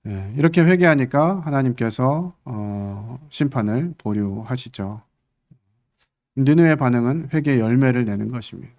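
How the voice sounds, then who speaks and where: A man's voice: medium pitch, normal speed, darkish tone. A man preaching a sermon in a church, talking in a conversational way and acting out quoted lines with sudden lifts in voice.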